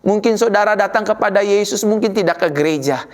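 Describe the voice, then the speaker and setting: A woman's voice: medium pitch, fairly quick. Give me a dramatic woman pastor delivering a sermon. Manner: dramatic, swings between loud and quiet.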